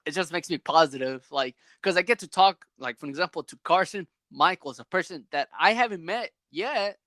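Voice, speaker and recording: A young man hosts a podcast in a casual, rambling chat over a video call. His voice is bright and a touch high, and he keeps stringing thoughts together with "like". The sound is dry and close. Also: normal speed, dry recording. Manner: rambling, animated, many "like" fillers. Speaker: podcast host.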